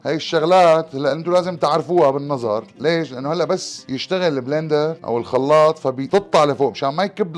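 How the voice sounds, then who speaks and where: Fast-talking Levantine man, cooking host. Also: fairly high pitch. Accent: Levantine Arabic. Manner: chatty, instructive, addresses viewers directly. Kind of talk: cooking demonstration. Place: kitchen.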